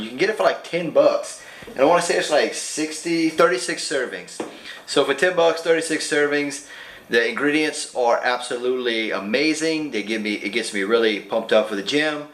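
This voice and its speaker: A young man talking quickly and chattily to the camera as a fitness vlogger. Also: medium pitch, a bit bright. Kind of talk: casual vlog talk. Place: gym.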